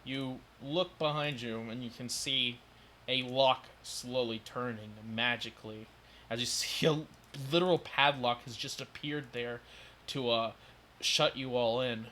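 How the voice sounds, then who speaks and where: A man narrates a tabletop game as game master, pausing often with fillers as he sets up each scene. His voice is bright and sharp at an ordinary pitch. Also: steady tone, a little hiss or hum. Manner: stop-start narration with fillers.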